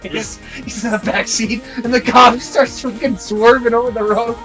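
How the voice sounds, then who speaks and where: High-voiced young man rambling a crude story. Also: fairly even intonation, moderate pace, pushed and bright, faint music behind, rough recording. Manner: rambling, laughing, profane. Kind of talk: casual storytelling among friends.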